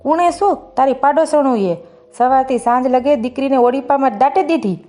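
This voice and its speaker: A woman doing a scolding village mother, high and loud. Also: normal speed, soft background music, close to an everyday voice. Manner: scolding, insistent. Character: angry protective village mother, older woman.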